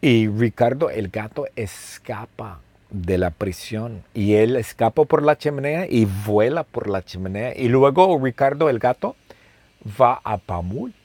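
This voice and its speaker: A man telling a simple story slowly and playfully, repeating phrases and asking the listener questions. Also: medium pitch, expressive, darkish tone, no room sound. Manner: playful, with sound effects. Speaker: storyteller for language learners. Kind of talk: slow, simple storytelling with lots of repetition.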